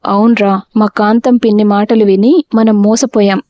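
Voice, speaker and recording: A woman's voice: medium pitch, fairly even intonation, normal speed, no echo, natural voice. A woman voicing a greedy, harsh middle-aged mother-in-law who scolds and insults, in an audio storybook. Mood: harsh scolding. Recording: dull, dry lo-fi recording.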